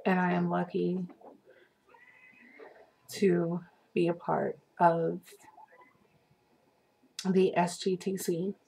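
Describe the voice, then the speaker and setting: A woman's voice: on the low side, gravelly, darkish tone, husky. A young woman fan speaking a hesitant, emotional message with many fillers, then reading her own poem aloud.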